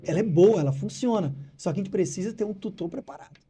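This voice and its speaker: A man from Brazil tells a vet's stories in a casual interview and slips into his clients' voices. He speaks quickly in a deep, very dark and husky voice. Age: adult with children. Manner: animated, acts out clients' voices. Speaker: veterinarian guest.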